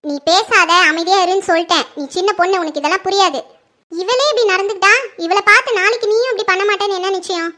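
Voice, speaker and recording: In a homemade Tamil family skit, a performer plays a furious, suspicious middle-aged mother scolding her grown daughter. Her shrill, bright voice comes fast, sharp, accusing and demanding, full of anger.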